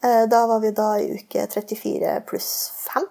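A woman guest recounts a long personal story in easy, casual conversation, circling back and padding her sentences with fillers. Her voice is mellow and a little husky. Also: fairly high pitch, level tone. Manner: rambling storytelling with many fillers. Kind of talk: casual chat.

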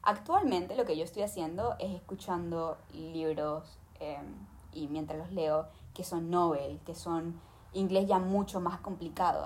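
A woman's voice: on the low side, dark tone, slight background noise. A woman talking casually and emphatically, giving listeners tips and speaking to them directly. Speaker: language tips presenter. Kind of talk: casual advice monologue.

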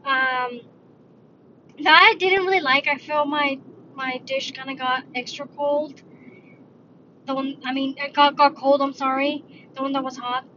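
A bright, high-voiced woman talks on her own in a loose, rambling way, often stopping to correct herself mid-sentence. She sounds like she is recording from her car. The audio is dull and lo-fi, with a faint hiss of noise behind her. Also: steady tone, measured pace, long pauses. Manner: rambling, self-correcting, chatty. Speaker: podcast host. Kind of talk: casual solo talk.

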